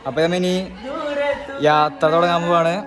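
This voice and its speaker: A man's voice: fairly high pitch, level tone, normal speed. A man from Kerala vlogging at a student service camp, playful and jokey, always calling out to his viewers. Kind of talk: casual vlog chatter to camera. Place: outdoors at a camp among a crowd of students. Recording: outdoor phone audio with crowd chatter.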